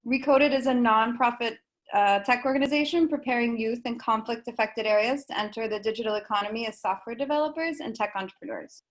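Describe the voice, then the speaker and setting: A woman with a somewhat high voice hosts an online session over a video call. She reads her prepared introduction in a clear, even, orderly way. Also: fairly quick. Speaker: host of an online speaker session. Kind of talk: scripted introduction and interview.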